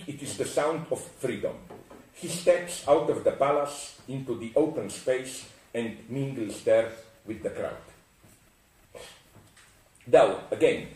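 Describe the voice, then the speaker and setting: A man's voice: mid-range voice, darkish tone. A man from Slovenia giving a philosophical lecture, digressive and self-interrupting with frequent asides. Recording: echoey room from far off.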